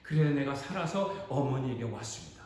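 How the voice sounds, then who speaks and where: A man's voice: mid-range voice, sing-song, fairly quick, darkish tone, pitched below the performer's own voice, close to an everyday voice. A man voicing an earnest young man explaining himself to his mother, in an echoey hall. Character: young man, long-lost grandson, earnest.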